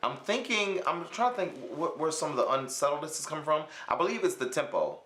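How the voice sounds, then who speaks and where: A man in a casual chat who coaches singers. His voice is bright and swings widely in pitch, and he backs up his co-host eagerly. He sits in an echoey room with faint music behind him. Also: very animated, slight background noise. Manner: agreeable, quick to echo and back up his co-host. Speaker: vocal coach.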